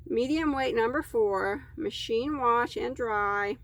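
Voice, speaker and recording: A woman's voice: on the high side, slow. Chatty woman unboxing yarn. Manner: chatty, easily delighted, rambling asides. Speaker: crochet vlogger. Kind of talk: casual yarn unboxing chat.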